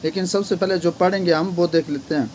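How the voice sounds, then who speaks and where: A man's voice: sits high, fairly even intonation, fairly quick, a little mellow, slight background noise. A man teaching an English grammar lesson, repeatedly asking questions and answering them himself.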